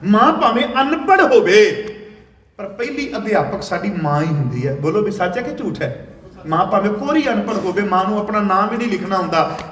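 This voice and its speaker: A man delivers a sermon in a high voice, acting out the lines of the people in his stories. He keeps asking the congregation to answer him. He is recorded from afar in a large hall with a long echo. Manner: calls out to the audience for responses; storytelling with quoted dialogue. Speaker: preacher. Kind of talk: Sikh religious discourse to a congregation. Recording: echoey hall, speaker far from mic.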